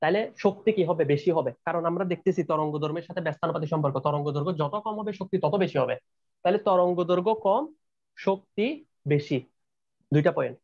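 A man's voice: a little high, fast talker, dull audio. A young man teaching a chemistry class online, repeating key points and often checking that his students are keeping up.

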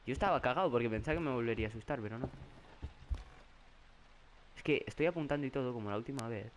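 A man's voice: medium pitch, quick pace. A young man from Spain with a Spanish accent, narrating a horror game and getting jumpy, swearing and crying out in fright. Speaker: gaming YouTuber. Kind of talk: horror game let's play commentary. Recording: faint background noise.

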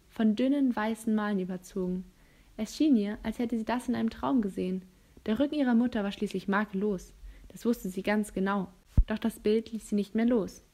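Woman, audiobook narrator, steady measured reading, mid-pitched voice. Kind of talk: reading a novel aloud.

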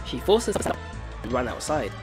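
This man reads story text aloud during a game playthrough, making small stumbles and starting over occasionally as game music plays in the background. His medium-pitched voice swings widely in pitch, and his pace is brisk.

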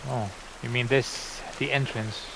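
A man's voice: mid-range voice, fairly even intonation, a little slow, creaky, background noise. A man hosting a gaming channel, chatting upbeat and rambling over his gameplay. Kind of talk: casual gameplay commentary.

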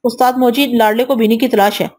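A frightened male lackey in an audio novel, read by a woman, pleading in a fearful, whining way. The voice sits fairly high. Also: fairly even intonation, darkish tone, natural voice.

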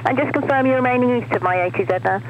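A woman's voice: on the high side, rapid-fire, muffled recording. A woman working as an air traffic controller, giving formal radio instructions heard over a pilot headset.

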